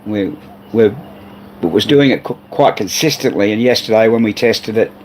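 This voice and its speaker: A man's voice: lowish voice, lively intonation, moderate pace, a little mellow, slight background noise, poor audio. An Australian man hosting a casual livestream about repairing old pinball machines, rambling with many fillers. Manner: rambling, reads viewer messages aloud.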